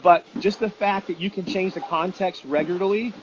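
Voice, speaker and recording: A man with a fairly high voice talks like an informal instructor in an interview. He explains emphatically, using questions and examples. The sound is dull, with faint background noise. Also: fairly even intonation, moderate pace. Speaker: dog detection trainer and instructor. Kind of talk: casual explanatory interview talk.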